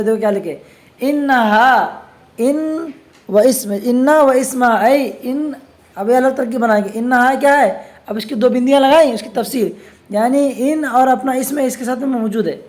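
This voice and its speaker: A man teaching a religious studies lesson on scripture grammar. He constantly puts questions to his students and answers them himself, reads Arabic passages slowly, and adds casual teasing asides. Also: very high-pitched.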